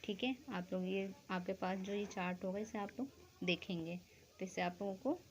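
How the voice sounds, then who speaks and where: A woman teaching a school grammar lesson. She explains slowly, asks questions and answers them herself, and keeps checking that the class understands. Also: medium pitch. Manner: keeps checking understanding with short tag phrases; spells out sounds and counts slowly.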